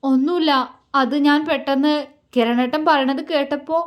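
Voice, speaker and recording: Woman voicing a shy new bride, quiet and hesitant, high voice, romance audiobook. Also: moderate pace. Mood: hurt. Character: shy young bride, sensitive and easily hurt. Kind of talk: romantic story reading.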